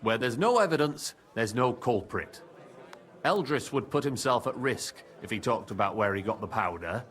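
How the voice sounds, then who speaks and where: An actor playing a scheming male guild leader in a medieval video game, measured and confident. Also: mid-range voice, animated, fairly bright tone, lightly acted. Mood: calm.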